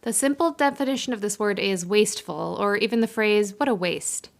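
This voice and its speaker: A woman opens her podcast with a scripted intro. She has a mid-pitched voice, neither high nor low, and explains things in a clear, friendly way. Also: brisk. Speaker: podcast host.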